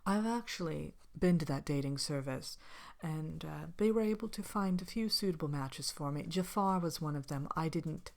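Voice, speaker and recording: Woman as the low, haughty Evil Queen, softly spoken. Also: creaky. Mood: gossipy, droll. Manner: haughty, languid, droll, hesitant pauses. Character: vain, haughty evil queen, adult fairy-tale villainess. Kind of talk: ASMR character roleplay chat, softly spoken with whispers.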